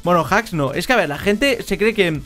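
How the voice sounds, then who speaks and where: Chatty high-voiced Spanish gamer man. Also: expressive, normal speed, over music. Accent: Spain Spanish. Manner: chatty, joking, bursts into shouts. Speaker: Minecraft gameplay YouTuber. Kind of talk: casual gaming commentary. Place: at home. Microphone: headset.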